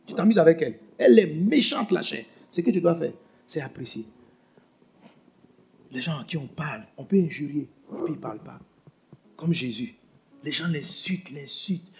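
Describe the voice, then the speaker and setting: A pastor preaching a sermon, swinging between loud emphatic lines and hushed ones. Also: male voice, on the high side, vocal fry, breathy edge.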